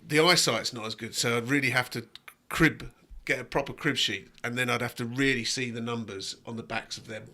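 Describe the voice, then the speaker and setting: Middle-aged man from England, bright clear voice, teasing and chatty, quick with jokes. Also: medium pitch. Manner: chatty, teasing, jokey asides. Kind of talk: casual chat.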